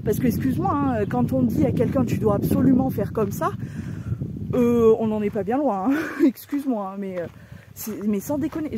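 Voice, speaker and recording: Outspoken woman vlogger, higher voice. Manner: blunt, outspoken, colloquial with swearing. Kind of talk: casual vlog rant. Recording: loud background noise.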